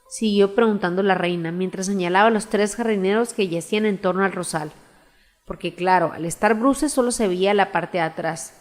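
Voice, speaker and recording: A woman's voice: mid-range voice, big-room sound. Woman narrating a storybook over music. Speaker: audiobook narrator.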